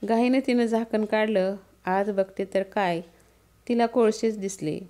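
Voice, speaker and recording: A woman with a Marathi accent narrating a devotional vow story in a steady, recited storytelling manner. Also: mid-range voice, a little slow.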